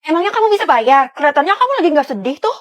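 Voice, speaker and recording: A woman's voice: sits high, very animated, racing, dry recording. A woman voicing a matter-of-fact food stall owner in a comedic skit.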